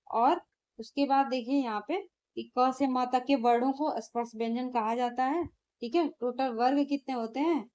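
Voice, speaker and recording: A woman's voice: fairly high pitch, a little mellow. A woman teacher, going through exam questions in a lesson and answering her own questions.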